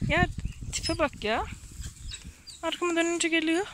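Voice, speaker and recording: A woman's voice: very high voice, fairly even intonation, unhurried, fairly bright tone, a little hiss or hum. A woman vlogging her village life outdoors while grazing sheep, talking casually and tenderly about the plants and animals around her. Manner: chatty, tender and pitying toward animals. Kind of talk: casual outdoor vlog narration. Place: outdoors on a hillside pasture.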